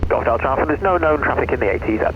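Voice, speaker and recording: A man's voice: mid-range voice, animated, racing, phone-quality sound. A man working as an airfield radio operator, giving clipped, procedural calls to pilots over the radio. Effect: voice over aircraft radio. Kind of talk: clipped aviation radio call. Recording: noisy aircraft radio transmission. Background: light aircraft engine noise.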